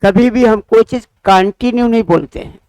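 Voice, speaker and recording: A man teaching a grammar lesson for exam students, speaking slowly and deliberately, repeating examples and answering his own questions. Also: high voice, a little mellow, smooth, no echo, poor audio. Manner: slow, deliberate, repeats examples with marked pauses; quizzes listeners with questions he answers himself.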